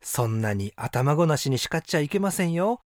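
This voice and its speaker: A man voicing a kindly old woman passerby who speaks calmly and softly while reading a personal essay aloud. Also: fairly high pitch, normal speed, no echo, studio quality. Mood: gently admonishing. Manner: calm, softly admonishing.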